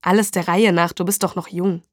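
Woman voicing a gruff homeless bottle collector. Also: lowish voice, little pitch movement, a little fast, no room sound, studio quality, close to an everyday voice. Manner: blunt street slang, teasing.

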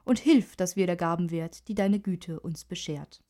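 A woman voicing a pious father who slowly recites a table prayer. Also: lowish voice, warm tone, close to an everyday voice. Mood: solemn. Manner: slow, solemn, recited. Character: pious father saying grace.

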